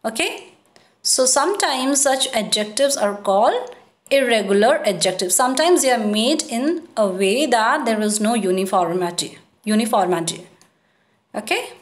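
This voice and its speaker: A woman's voice: fairly high pitch, animated, moderate pace. A woman teacher explaining grammar step by step, repeating points and checking in with her students. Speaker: school teacher. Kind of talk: grammar lesson. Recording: echoey room.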